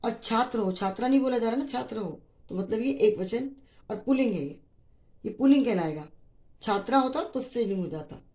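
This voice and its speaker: A woman's voice: a little high, animated, brisk, darkish tone. A woman teaching a grammar lesson to school students, explaining patiently and repeating key phrases, with mixed in. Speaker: Hindi teacher.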